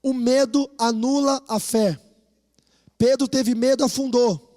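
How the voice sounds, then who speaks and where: High-voiced Brazilian pastor in a reverberant hall. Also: male voice, measured pace. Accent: Brazilian Portuguese. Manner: animated storytelling, rousing the congregation to repeat after him. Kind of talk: sermon. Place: church hall. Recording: long reverb of a church hall.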